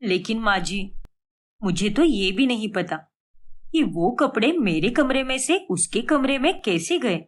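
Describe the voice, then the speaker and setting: A gentle young wife in an animated family drama speaks softly and pleadingly, voiced by a woman. Her voice sits a little lower than the narrator's but keeps a lively rise and fall. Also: measured pace. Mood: subdued. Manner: soft, pleading, subdued.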